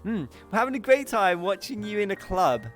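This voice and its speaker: Lively male streamer who says w for r. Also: sits high, fairly quick, soft background music. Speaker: host of a live streamed show. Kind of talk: casual chat with live viewers.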